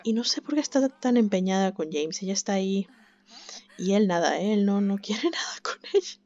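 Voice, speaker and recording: A woman's voice: medium pitch, lively intonation, normal speed, darkish tone, dull audio. A woman giving chatty, sympathetic game commentary, laughing often. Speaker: gameplay commentator. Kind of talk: casual let's-play commentary.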